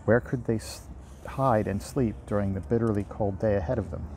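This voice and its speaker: Faint outdoor ambience surrounds a man reading a storybook aloud beside a river. His voice is fairly low, his intonation fairly even, and his speed normal. As an amateur audiobook reader and host, he keeps it casual and unpolished, sometimes tripping up and rereading lines.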